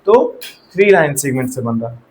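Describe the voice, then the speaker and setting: A man's voice: on the high side, big pitch swings, brisk, rough recording. A man teaching a maths lesson in a classroom, often quizzing his students and checking that they follow. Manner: asks the class questions and checks with repeated "theek hai". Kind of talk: classroom lecture.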